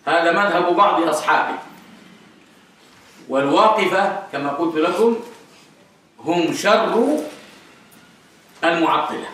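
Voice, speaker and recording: A man's voice: high-pitched, a little slow, long pauses, bright, forceful tone, recorded from a distance. A man giving a religious lecture on creed, emphatic and repeating key phrases for stress. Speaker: Islamic scholar lecturing on creed. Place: mosque hall. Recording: echoey hall, voice picked up from afar.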